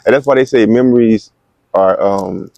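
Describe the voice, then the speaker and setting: Man from Miami, gravelly and mellow, laid-back storyteller who acts out the dialogue. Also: normal speed, no echo, lo-fi sound. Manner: animated storyteller who acts out the quoted voices in a higher pitch. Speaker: co-host telling how the couple met. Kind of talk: casual storytelling chat.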